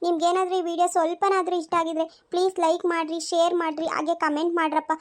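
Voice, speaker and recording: Fast-talking cartoon channel host, woman. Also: very high-pitched, little pitch movement. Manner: quick, pleading. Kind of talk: channel outro asking for subscriptions.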